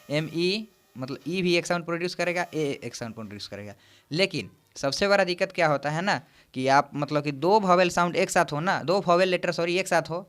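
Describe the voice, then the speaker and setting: Male exam-prep tutor with a smooth, raised voice, who explains step by step. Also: on the high side, a bit bright. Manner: explains slowly, counting aloud, mixing English terms into Hindi. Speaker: teacher.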